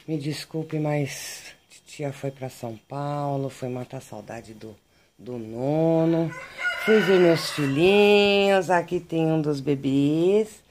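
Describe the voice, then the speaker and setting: A woman's voice: deep voice, gravelly, a little mellow. A Brazilian woman vlogging outdoors, filming on a handheld phone and baby-talking affectionately to her animals. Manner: affectionate, coos and baby-talks to pets. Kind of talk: casual vlog narration while filming. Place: outdoors among animal pens and a vegetable garden. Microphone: handheld phone camera.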